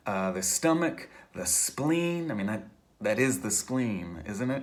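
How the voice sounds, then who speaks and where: An author with a mid-range voice reads his own novel aloud. His first-person delivery is conversational and halting, marked by theatrical emphasis.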